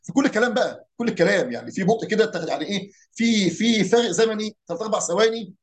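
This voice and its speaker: A man with an Egyptian accent talks through regional dialects in an easy, chatty way. His voice sits high and his delivery is rapid. He keeps asking rhetorical questions and imitating how people in different areas pronounce words. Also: animated. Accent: Egyptian Arabic. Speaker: speaker on Arabic dialects and folk heritage. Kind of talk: casual explanatory talk.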